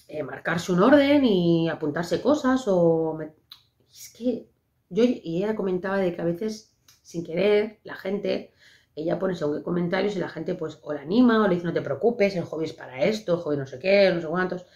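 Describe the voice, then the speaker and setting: A woman in her thirties with an accent from Spain talks through a casual podcast monologue, expressive and full of fillers. Her voice sits a little low. The recording is dull and lo-fi, with the top end rolled off. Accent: Spain Spanish. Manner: chatty, expressive, lots of fillers. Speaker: podcast host.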